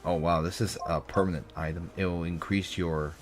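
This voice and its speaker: His low-pitched voice stays level at a normal speed as he plays and comments casually. The let's play host reads game text aloud with filler and asides, and a slight cough shows his voice is still recovering.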